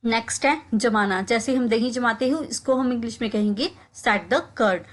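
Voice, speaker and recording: A woman teaching kitchen vocabulary in a lesson, calling her viewers friends and repeating each example phrase slowly. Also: a little high, low-quality recording. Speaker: language teacher.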